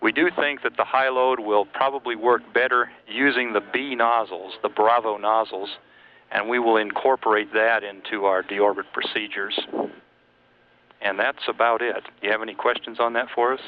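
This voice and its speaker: Low-voiced man on thin astronaut radio. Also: steady tone, narrow, tinny audio. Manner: measured, procedural, matter-of-fact. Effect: space radio link. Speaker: capcom at mission control. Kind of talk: astronaut radio exchange, technical briefing. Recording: thin radio link, faint noise.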